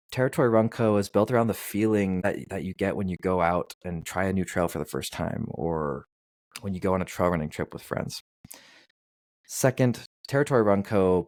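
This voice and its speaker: A man's voice: deep voice, darkish tone, no room sound. A male podcast host who reads an ad with enthusiasm and chats with a guest in a casual, upbeat way. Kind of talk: podcast interview and ad read.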